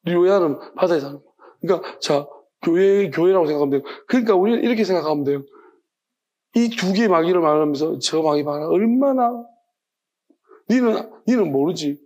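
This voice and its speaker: A male pastor, preaching a midweek sermon in a conversational, animated way, often laughing. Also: high-pitched, a little fast, highs cut off.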